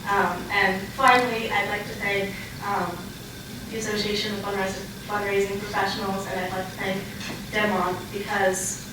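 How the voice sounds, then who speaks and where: A young adult woman giving an earnest, prepared acceptance speech as an award recipient, halting with pauses as she goes. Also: mid-range voice, little pitch movement. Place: large echoey room, live event. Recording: echoey, noisy room, distant mic.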